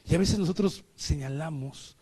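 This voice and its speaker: Emphatic Mexican preacher, husky voice. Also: male voice, a little high, normal speed, darkish tone. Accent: Mexican Spanish. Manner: emphatic, asks the congregation rhetorical questions. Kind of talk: sermon.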